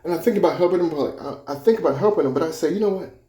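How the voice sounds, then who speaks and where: A man tells personal stories in a motivational talk, his voice a little high for a man yet mellow in tone. He speaks conversationally and circles back to repeat key phrases. The sound rings around an echoey room. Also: rapid-fire. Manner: conversational, repetitive storytelling with restarts.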